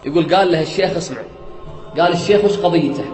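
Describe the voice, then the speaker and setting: A man preaching with a high voice and a rapid, dramatic delivery. He retells a story in a sermon, swearing oaths and repeating "he says" as he goes. The room is echoey, with faint music underneath. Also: darkish tone.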